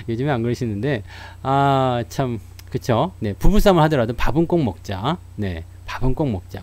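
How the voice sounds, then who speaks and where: A man's voice: mid-range voice, a little mellow. A man giving casual stock market commentary to his viewers, telling stories in a chatty way and laughing often.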